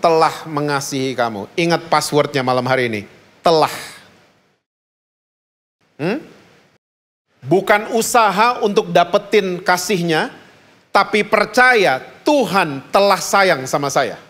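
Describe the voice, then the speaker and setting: Male pastor from Indonesia, high voice, lively joking sermon, quizzes the congregation. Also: takes it slowly, long pauses. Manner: jokey, asks the congregation questions.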